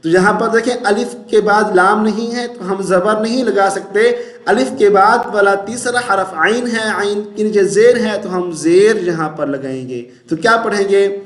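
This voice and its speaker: A man teaching Quran recitation and pronunciation, patiently repeating syllables slowly and chanting verses in drawn-out tones. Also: high-pitched, fairly bright tone, roomy sound. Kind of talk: tajweed pronunciation lesson.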